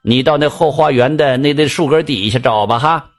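A man's voice: medium pitch, normal speed, natural voice. A man with a Northeastern Mandarin accent voicing a crafty fake fortune-teller, theatrical and blustering. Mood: mock solemn. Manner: theatrical, switches from panicky wails to stern bluster. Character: sly old swindler fortune-teller, crafty fake soothsayer.

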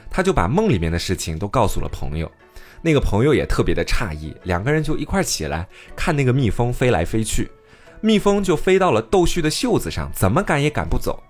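Man, casual storyteller, very animated pitch, faint music behind. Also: fairly quick. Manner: lively, chatty, comments with laughter. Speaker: storyteller host.

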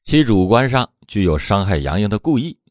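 A man's voice: fairly low pitch, sing-song, brisk, darkish tone, no room sound, studio quality. A man hosting a true crime storytelling show, narrating a court case from a script with dramatic emphasis at the start of phrases.

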